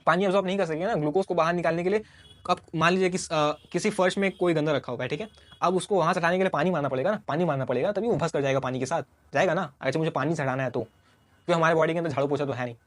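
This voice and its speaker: Man, science teacher, online lecture, slightly high voice, dry close sound. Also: no room sound. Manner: explains with everyday examples and repetition; addresses the viewer as "sir" and mixes in English terms.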